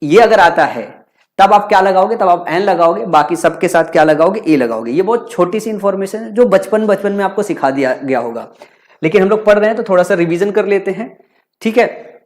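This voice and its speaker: A man's voice: high-pitched, lively intonation, brisk. A man teaching an exam-prep grammar lesson to students. He drills each point with rhetorical questions and answers them himself, going over the same idea again and again. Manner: calls students "bachcha".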